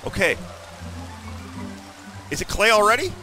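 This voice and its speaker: A man giving excitable let's-play commentary, thinking aloud and talking to his viewers. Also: medium pitch, normal speed, faint music behind, rough recording. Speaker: gaming YouTuber.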